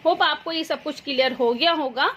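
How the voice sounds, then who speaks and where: A woman's voice: high voice, a little fast, sharp tone, slight background noise. A woman teaching an English phonics lesson. She speaks patiently, repeats each letter sound and checks in often. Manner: checks in with "theek hai" often.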